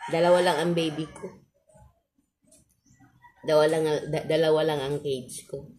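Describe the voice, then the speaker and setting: A middle-aged Filipino woman vlogger with missing front teeth chats casually to her viewers in a polite, halting way, often repeating herself. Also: sits low, steady tone, a little mellow. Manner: polite, halting, with frequent repetition.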